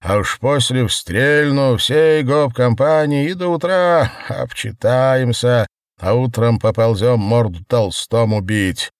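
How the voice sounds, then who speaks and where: A man's voice: medium pitch, slow pace, dry recording, studio quality, voice pushed up. A man voicing a crude, grandiose man who rants in a frenzied, bellowing way. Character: ecstatic wild shouting man, crude and grandiose.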